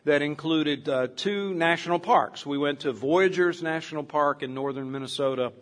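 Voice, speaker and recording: A man's voice: fairly high pitch, normal speed. An older man preaching as a pastor, telling stories in a rambling, conversational way. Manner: rambling, with many fillers and restarts; storytelling, conversational. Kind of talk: sermon.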